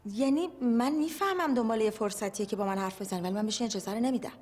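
A woman's voice: on the high side, darkish tone, slight background noise, natural voice. An actress playing a fearful, divorced young woman who confides hesitantly in her therapist. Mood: anxious. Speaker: therapy patient. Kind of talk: film acting.

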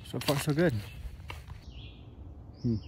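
Out on a wooded trail, a young man talks slowly in a mid-range voice, vlogging with a handheld camera held at arm's length. His commentary is relaxed, slangy, and off-the-cuff. The recording has outdoor nature ambience with some faint noise.

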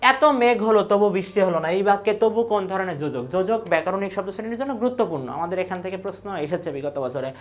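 A woman teaches an exam revision class, reading the options slowly in a list and repeating each answer. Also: mid-range voice. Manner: reads options in a slow, falling list, then repeats the answer.

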